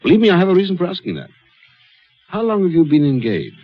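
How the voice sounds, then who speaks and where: Intense detective inspector, wildly swooping intonation, insistent questions, radio drama, dull noisy recording. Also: male voice, high voice, wildly swooping pitch, fast, breathy edge, exaggerated voice. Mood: urgent, probing. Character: intense, probing Scotland Yard detective inspector. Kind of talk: 1940s radio acting. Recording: dull old radio recording, some noise.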